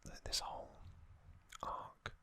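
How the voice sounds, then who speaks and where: An adult ASMR host narrates in a soft, deliberate whisper, pausing often between short phrases in a reflective way.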